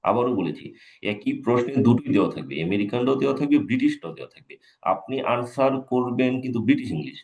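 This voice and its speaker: A man's voice: medium pitch, animated, quick pace, a little mellow, lo-fi sound. A man, an English teacher, giving a live exam-prep lecture, repeating key points and checking in with his students. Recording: echoey room.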